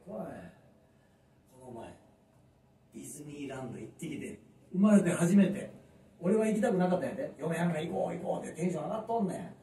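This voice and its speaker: A man's voice: a little high, a little hiss or hum. A man in his fifties with a Kansai accent doing a stand-up comedy monologue, telling a story and acting out voices. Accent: Kansai Japanese. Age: 50s. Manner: lively storyteller who acts out voices. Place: small underground live venue. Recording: echoey room from far off.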